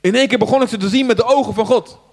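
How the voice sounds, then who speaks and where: A man from the Netherlands preaching a sermon to a live audience, telling the story in an animated way and dropping from hushed tones to loud outbursts. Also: extremely high pitch, very fast, creaky. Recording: long hall reverb.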